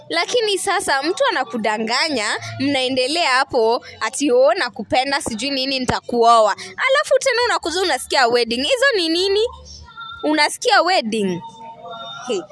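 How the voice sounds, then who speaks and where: A woman in her twenties with a Kenyan accent holds a handheld mic outdoors, pressing her point defiantly and repeating herself. The emotional street interview features her high, slightly bright voice.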